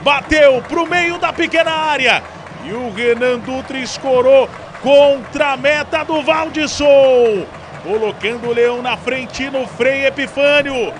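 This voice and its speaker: A Brazilian man giving excited live commentary on a football match. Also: very high-pitched, measured pace. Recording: clear stadium crowd noise behind. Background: football crowd.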